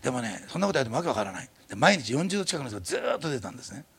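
A middle-aged man preaching a sermon, telling a story in a fast, animated way. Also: mid-range voice, breathy edge. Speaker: pastor.

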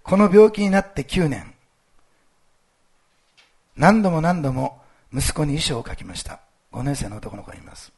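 A man speaking as a pastor, giving a casual, lively sermon with church announcements and plenty of fillers. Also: fairly high pitch, normal speed, pauses often. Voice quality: gravelly, husky voice. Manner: lively, animated delivery with many fillers.

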